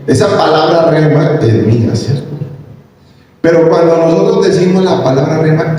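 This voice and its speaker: A man preaching a sermon as pastor, animated and sometimes shouting to stress a point. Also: a little high. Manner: animated preaching, rising to shouts on key lines. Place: large church hall. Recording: echoey hall, picked up from a distance.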